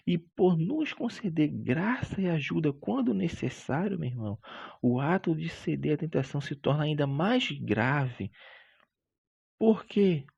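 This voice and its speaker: A man teaches a Bible lesson in a gravelly, husky voice. He preaches with emphasis, drawing out key words and calling his listeners brother. The recording is dull and lo-fi. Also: fairly high pitch, darkish tone. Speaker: Sunday school teacher.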